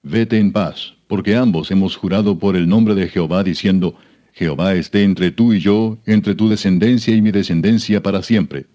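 A man's voice: deep voice, normal speed, dark tone, close to an everyday voice. A man reading an earnest young prince.

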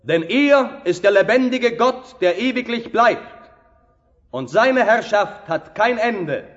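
A royal herald declaims solemnly and slowly at a very high pitch. Long reverb trails the radio play voice. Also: male voice, expressive, fairly bright tone, highs cut off, full character voice. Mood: solemn, exalted. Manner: declamatory, calling out.

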